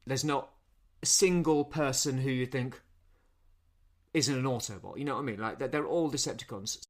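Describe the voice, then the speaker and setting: In a mid-range voice at normal speed, a man co-hosting a podcast chats casually about a film. He rambles through its plot, frequently restarting his sentences.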